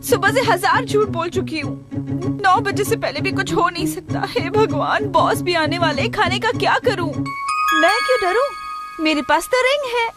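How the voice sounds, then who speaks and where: A woman's voice: very high-pitched, expressive, moderate pace. A woman voicing a flustered young daughter-in-law in a cartoon, fibbing and talking frantically to herself. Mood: frantic. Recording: music in background.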